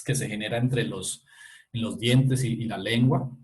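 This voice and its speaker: Man lecturing with halting self-corrections. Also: on the low side, fairly even intonation, a little mellow. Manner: explanatory, often checking in with "¿cierto?" and "¿listo?". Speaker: university physics lecturer. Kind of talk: online lecture explaining speech acoustics.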